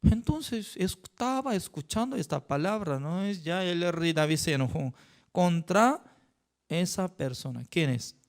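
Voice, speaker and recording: A man with a high, sing-song voice that swoops up and down as he preaches. He speaks slowly and haltingly as a pastor leading a Bible study. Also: lively intonation. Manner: halting, unhurried telling with dramatized quotes.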